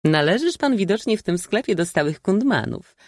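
A shrill, theatrical old maid aunt, as a male reader puts her on teases and proclaims from her perch with a lively, swooping delivery. Her voice leaps high and rings dry and close in this storybook reading. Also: moderate pace, no room sound. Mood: teasing. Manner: shrill, teasing and declamatory. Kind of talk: audiobook reading.

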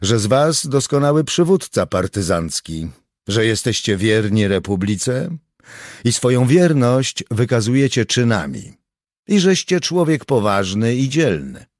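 A man doing a calm, assured young fighter. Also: fairly low pitch, dry recording, studio quality, voice pushed up. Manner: calm, measured, diplomatic. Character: calm, self-assured male demolitions volunteer.

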